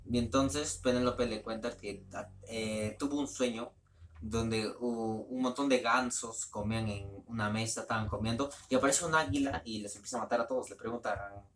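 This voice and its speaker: A man's voice: medium pitch, normal speed, a bit bright, slight background noise. A man giving a casual spoken plot summary in a loose, rambling way, often restarting his sentences. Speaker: book reviewer.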